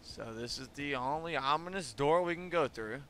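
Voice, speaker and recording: A man's voice: on the high side, moderate pace, fairly bright tone, slight background noise. A man giving casual horror game commentary as a scared streamer, jumpy and talking to himself and to the game.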